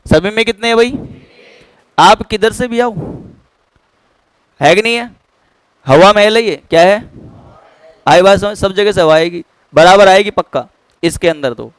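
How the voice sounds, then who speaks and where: A man's voice: sits high, a little slow, pauses often, clear, resonant tone, dry recording, rough recording. Teacher quizzing his class. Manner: keeps quizzing students with "clear?". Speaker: chemistry teacher. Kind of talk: classroom lecture.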